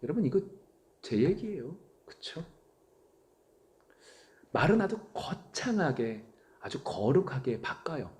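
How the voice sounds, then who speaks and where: A middle-aged male pastor delivers a sermon in a fairly high, very lively voice. He swings between loud, exclaiming bursts and hushed, whispered asides. He speaks in a church sanctuary. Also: takes it slowly, long pauses.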